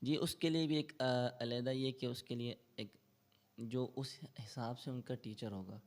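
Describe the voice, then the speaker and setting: A man's voice: medium pitch, fairly even intonation, darkish tone. A man with a Pakistani Urdu accent, a Quran tutor answering interview questions and explaining tajweed patiently. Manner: recites in slow melodic chant; explains patiently with English loanwords.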